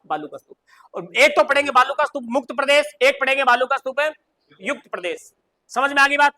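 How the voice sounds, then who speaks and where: High bright Rajasthani teacher. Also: male voice, animated, fast talker. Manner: chatty, repeats questions to students. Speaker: coaching teacher. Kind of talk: live online class.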